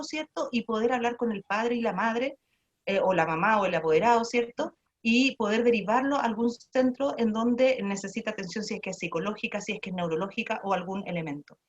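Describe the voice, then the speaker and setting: A woman speaks in a fairly high voice, giving an online lecture on early childhood learning. She keeps asking rhetorical questions and restarting her sentences as she explains. The sound is dull and lo-fi, typical of a video call.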